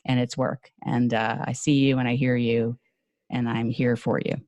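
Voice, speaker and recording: A woman with a New York accent, talking casually as a podcast guest, animated and quick to laugh with fast asides. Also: rumbling low, no echo, lo-fi sound. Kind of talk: casual conversation.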